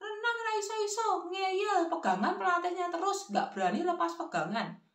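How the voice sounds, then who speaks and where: A woman voicing a scolding old grandmother with a shrill Javanese-accented voice. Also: animated, normal speed, a bit bright. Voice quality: shrill, nagging. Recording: roomy echo.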